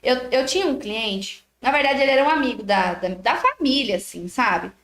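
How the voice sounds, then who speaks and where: A young Brazilian woman with a high, bright-pitched voice tells a story in a chatty, expressive way. Her voice rings through an echoey room. It sounds like a casual craft vlog. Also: normal speed, noisy background. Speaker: biscuit artisan and course creator.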